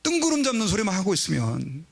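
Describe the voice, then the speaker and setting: A man's voice: high-pitched, wildly swooping pitch, fast talker, vocal fry. A male pastor preaching a sermon in a conversational way, often turning to the congregation.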